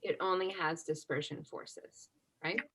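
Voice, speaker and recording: A woman with a fairly low voice runs a relaxed chemistry exam review. She keeps quizzing her class and tags her explanations with a quick "right?" to make sure everyone follows. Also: a little hiss or hum, low-quality recording. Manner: checks understanding constantly with "right?"; relaxed conversational teaching, asks class questions. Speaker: chemistry instructor.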